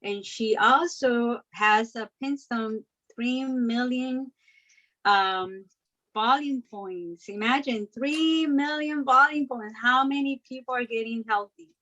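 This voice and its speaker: Slow-talking woman hosting a live chat. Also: on the high side, sharp tone, muffled recording. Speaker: host.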